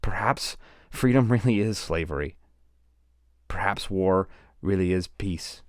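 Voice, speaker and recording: A man with a very low voice recounts a novel's plot in a grave, storytelling manner. He stresses key words for dramatic effect. The recording is dry and close to the mic. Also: unhurried, no room sound. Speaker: book channel host.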